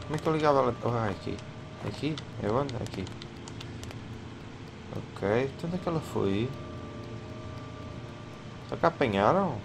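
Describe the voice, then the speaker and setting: Excitable Portuguese gamer yelping at scares. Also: male voice, mid-range voice, moderate pace, pauses often. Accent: European Portuguese. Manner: excitable, yelps and swears at jump scares, mutters to himself. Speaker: gamer playing a horror game. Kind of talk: let's play commentary. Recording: clear game noise behind voice.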